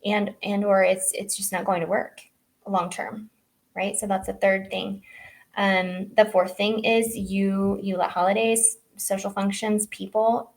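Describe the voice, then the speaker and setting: A woman's voice: mid-range voice, vocal fry. Chatty woman health coach, casual delivery. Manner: casual, with many fillers and "right?" tags. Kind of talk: live online training talk.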